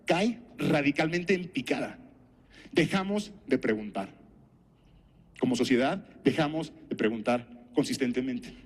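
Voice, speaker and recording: A man giving a conference talk, telling anecdotes and putting rhetorical questions to the audience. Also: mid-range voice. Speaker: speaker at a conference.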